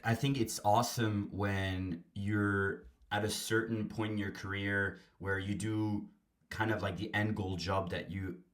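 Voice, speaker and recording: A podcast host interviewing a guest in a relaxed way, with frequent "yeah"s and fillers. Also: low voice, unhurried. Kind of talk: casual interview chat.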